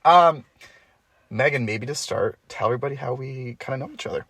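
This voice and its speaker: A man's voice: mid-range voice, brisk, fairly bright tone, slightly rough, no room sound. Young man, podcast host, casual rambling chat, filler-heavy, dry close sound. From Canada. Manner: rambling, loose, with many fillers and restarts.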